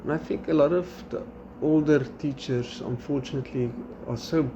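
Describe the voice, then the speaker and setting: His voice is a little high and his pace moderate: a South African man, Afrikaans being his first language, chatting casually as a podcast host. He gets animated acting out his students' lines, and the recording sounds slightly dull with faint background noise.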